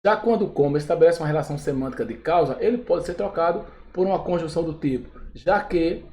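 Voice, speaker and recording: A man's voice: on the high side, quick pace, darkish tone. A man with a Brazilian Portuguese accent, a Portuguese teacher going step by step through exam questions and checking in with his students after each point. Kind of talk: exam review lesson.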